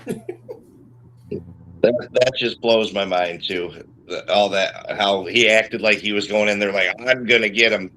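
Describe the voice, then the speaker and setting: A man co-hosting a podcast, chiming in with quick wry remarks. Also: on the low side, fairly even intonation, sharp tone, a little hiss or hum, low-quality recording. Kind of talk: casual podcast chat.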